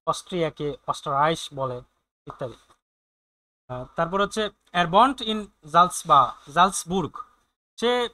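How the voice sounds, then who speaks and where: Man, German tutor, high-pitched, very bright tone, hesitant fillers, repeats words. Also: dry recording. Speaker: German language teacher. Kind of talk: explaining a German coursebook in Bengali.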